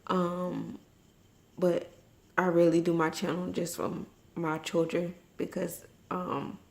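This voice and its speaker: A woman vlogging in a personal, confessional way, emotional and tearful after crying, speaking haltingly and reflectively. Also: fairly low pitch, completely flat delivery, a little mellow. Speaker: vlogger and mother. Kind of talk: personal, confessional vlog talk.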